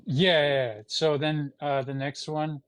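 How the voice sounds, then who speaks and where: A man's voice: fairly high pitch, steady tone, measured pace, clean tone, no room sound, poor audio. A man hosting a livestream, chatting casually and joking playfully with his co-host.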